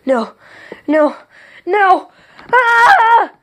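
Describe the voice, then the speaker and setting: A reader voicing a blustering male king who yells commands but is plainly afraid, high and loud. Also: normal speed. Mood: terrified. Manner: shrill, yelling, panicky.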